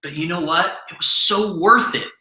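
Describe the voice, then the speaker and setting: A man's voice: high-pitched, normal speed, bright, forceful tone. A man mentoring his team by telling an earnest motivational story. He repeats words when stressing a point. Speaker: mentor giving a training. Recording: echoey room.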